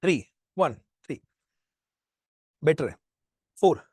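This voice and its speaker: Slow, high-voiced teacher dictating words. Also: male voice, lively intonation, a little mellow, slightly rough, no echo, clean studio sound. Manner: slow, repeats each word, mixes Hindi and English. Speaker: vocabulary teacher. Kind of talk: live online class, dictating words.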